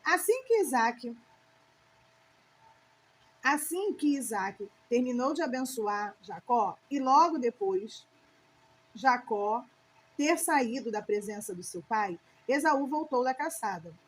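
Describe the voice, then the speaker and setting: A woman's voice: fairly high pitch, lively intonation, slow pace, a little hiss or hum, poor audio. A woman reading scripture aloud steadily for a Bible study, now and then correcting herself.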